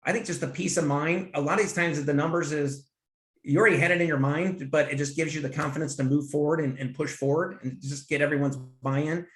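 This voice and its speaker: Speaking a bit fast with a slightly high, steady tone, the finance-consultant guest on a business podcast talks with enthusiasm, rambling and restarting as the interview goes along. There's a roomy echo.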